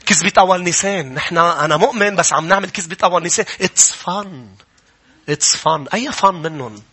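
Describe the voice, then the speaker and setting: Standing before his congregation in a church, a male pastor with a Lebanese Arabic accent preaches with animation, quoting scripture and questioning his listeners until he reaches loud, urgent preaching. His husky voice sits high, and he speaks fairly quickly.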